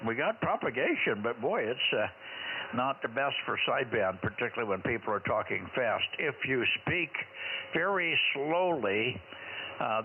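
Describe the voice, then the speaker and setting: A man's voice: mid-range voice, slight background noise. Chatty male radio net controller, narrow band. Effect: ham radio transmission. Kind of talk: casual radio net chat with callsigns.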